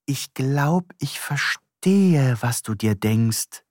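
A man's voice: medium pitch, expressive, drawn-out words, dry recording, studio quality. A man reading an audiobook, voicing a bumbling, meek man who talks hesitantly and trails off. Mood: earnest. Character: bumbling, meek middle-aged man, talks himself into trouble.

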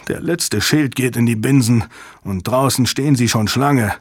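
A man reading an excitable male systems chief under pressure, agitated and exclamatory. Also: mid-range voice, normal speed, no echo, close to an everyday voice. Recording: dry close studio sound.

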